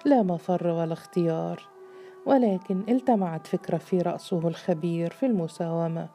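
A woman reading a literary story aloud, measured and steady. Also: fairly low pitch, soft background music. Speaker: narrator. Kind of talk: scripted audiobook narration.

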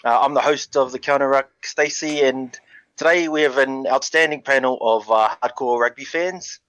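A man hosting a casual rugby podcast in a matey, relaxed way. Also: medium pitch, normal speed, no room sound. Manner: relaxed, matey, calls guests brother. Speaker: podcast host. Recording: dull lo-fi audio.

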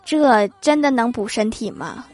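A woman's voice: fairly high pitch, animated, unhurried. A woman hosting a comedy podcast, reading short jokes aloud in a playful storytelling manner and chuckling at the punchlines. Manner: playful storytelling, laughing at her own punchlines. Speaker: host of a comedy joke podcast. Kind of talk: reading jokes with acted quotes.

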